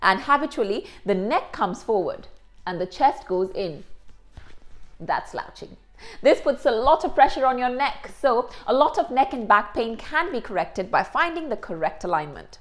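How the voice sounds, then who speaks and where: A woman presents a self-improvement lesson. Her fairly high voice rises and falls in a lively way. She explains each step clearly and carefully. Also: moderate pace. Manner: clear, careful explanations with occasional Hindi asides. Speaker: host. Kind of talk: instructional presentation.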